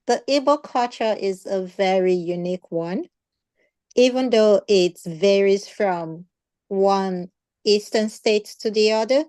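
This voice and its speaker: Slow-spoken Nigerian woman guest, dry sound. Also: medium pitch, a little mellow, no room sound. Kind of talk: interview conversation.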